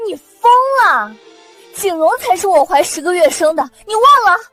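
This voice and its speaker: An actress playing a noble mother in a costume drama, shrill, accusing and melodramatic. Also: expressive, moderate pace, a bit bright, soft background music.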